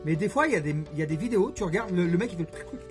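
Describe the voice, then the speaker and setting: A man's voice: high voice, expressive, very fast, over music. A man chatting casually to his viewers as a YouTuber, rambling with jokey conversational asides. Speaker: YouTuber host. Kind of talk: casual vlog chat to camera.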